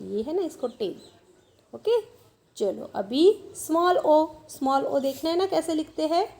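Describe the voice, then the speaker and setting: A woman's voice: high-pitched, creaky, warm tone. A woman teaching children cursive writing, patiently drilling letters and words in a mix of Hindi and English.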